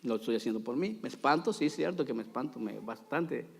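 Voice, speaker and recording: A man preaching a sermon in a church, dramatic, swinging from loud pleading to quiet asides. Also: medium pitch, lively intonation, quick pace, vocal fry, husky. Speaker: pastor. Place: church sanctuary. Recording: long hall reverb.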